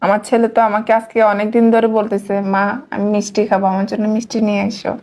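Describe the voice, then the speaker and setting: A woman's voice: medium pitch, level tone, fast talker, darkish tone, close to an everyday voice. A woman playing a poor housemaid and mother, blunt and defiant with her employers but tender with her son. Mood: meek. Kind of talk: social media skit acting.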